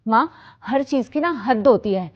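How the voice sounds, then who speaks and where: A woman's voice: fairly high pitch, a little slow. An actress playing a headstrong young married woman who complains indignantly to her mother in a scripted family drama. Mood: complaining. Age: young adult. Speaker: married daughter. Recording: slightly dull lo-fi recording.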